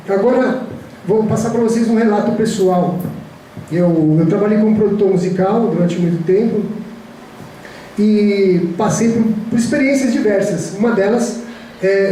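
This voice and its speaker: A man's voice: high voice, mellow, a little hiss or hum. A man giving a reflective spiritist talk, telling a personal story with many restarts. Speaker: lecturer. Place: lecture hall. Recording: very echoey hall from far off.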